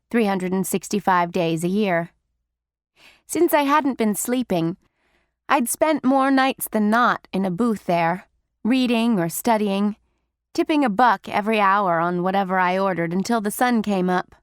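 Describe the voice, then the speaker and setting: A woman narrating a teen novel in the first person, with steady, wry storytelling. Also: mid-range voice, no echo, studio quality. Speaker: audiobook narrator.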